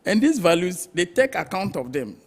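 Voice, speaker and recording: A man's voice: high-pitched, very animated, normal speed, slightly rough. A male guest expert, patiently explaining customs procedures. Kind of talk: explanatory studio talk.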